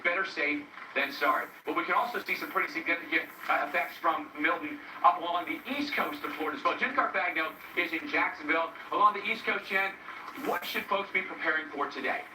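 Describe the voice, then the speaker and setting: A man reporting live on the weather as a field meteorologist, explaining in an emphatic, conversational way with frequent check-in tags. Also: a little high. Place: live on location in stormy weather. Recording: roomy, distant mic with loud background noise.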